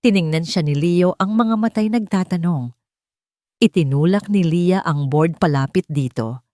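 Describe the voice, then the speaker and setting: A woman with a Filipino accent reads a scripted story as a dramatic audiobook narration. Her voice is on the low side with a darkish tone, delivered at a moderate pace in a clean studio recording with no room sound.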